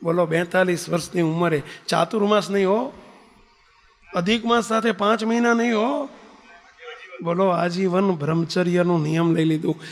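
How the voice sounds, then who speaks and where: A man preaching in a high, bright voice, his words trailing off into a long hall reverb. He tells his stories vividly, acts out the characters and keeps asking his listeners questions. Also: normal speed. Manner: lively storytelling, acts out quoted voices, frequent rhetorical questions. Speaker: religious leader preaching to devotees. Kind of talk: Gujarati sermon with parables. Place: large temple hall or compound.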